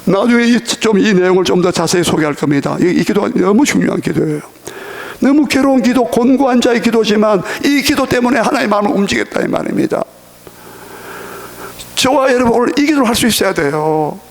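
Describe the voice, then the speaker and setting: A man's voice: high-pitched, animated, fairly quick, gravelly. A male pastor preaching a sermon in a church, emphatic and repetitive, often asking the congregation questions.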